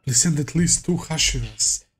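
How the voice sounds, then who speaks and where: A man's voice: on the high side, animated, moderate pace, slightly rough. A man hosting an anime reaction, talking casually, swearing freely, laughing often and crying out at big moments.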